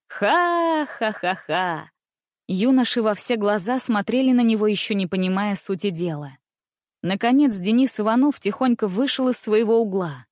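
A woman narrating an audiobook story with expressive, suspenseful storytelling. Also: medium pitch, no echo, clean studio sound.

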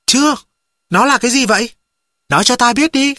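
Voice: mid-range voice, a little fast, sharp tone, dry recording, studio quality, natural voice. Someone voicing Richard Parker, a blunt proud tiger. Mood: curt. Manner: curt, challenging replies. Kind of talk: audiobook dialogue.

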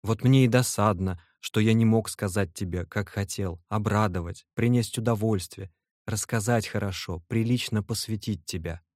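A man voicing a nervous, lovestruck young male clerk in an audiobook, speaking in a halting, heartfelt way. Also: fairly low pitch, darkish tone, no room sound, studio quality, natural voice. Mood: earnest.

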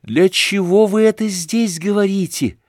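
A man's voice: high voice, measured pace, no echo, voice pushed up. A man voicing a proud young woman, indignant and close to hysteria, with passionate outbursts.

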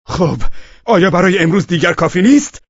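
A man voicing an irritable, impatient gentleman in an audiobook, with sharp, exasperated outbursts. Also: fairly low pitch, very animated, slightly rough, no room sound, muffled recording, exaggerated voice. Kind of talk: audiobook character reading.

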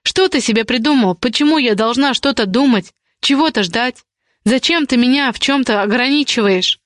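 A woman reading the lines of a defiant young woman, an indignant ward who argues with rapid questions. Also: a little high, dry recording, clean studio sound, voice pushed up, close to an everyday voice. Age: young adult.

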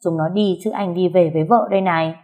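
A woman's voice: lowish voice, fairly even intonation, quick pace, dark tone, close to an everyday voice. A woman voicing a drunk young husband who coaxes and teases his wife, in a told story. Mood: coaxing.

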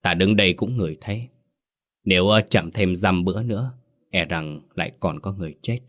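A man voicing an old village exorcist who speaks gravely and ominously. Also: sits low, moderate pace, fairly bright tone.

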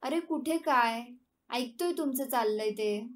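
A woman's voice: fairly high pitch, unhurried, lightly acted. A woman reading as a teasing young lover. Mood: playful. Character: young man in love, teasing. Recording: distant from the mic.

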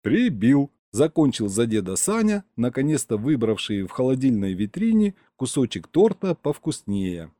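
Lively, expressive male audiobook narrator. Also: mid-range voice, moderate pace, few pauses, no room sound. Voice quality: lively, expressive reading with animated dialogue. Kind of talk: scripted first-person narration.

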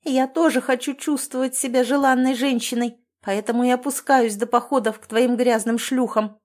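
A woman's voice: fairly even intonation, moderate pace, a little mellow, lightly acted. A woman voicing a hysterical young wife who sobs and screams in a trembling voice. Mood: hysterical, crying. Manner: shrill, tearful, screaming. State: crying.

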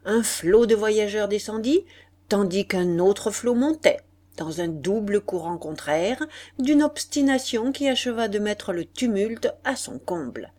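Female audiobook narrator, measured and expressive, very slow delivery. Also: medium pitch. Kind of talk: scripted narration.

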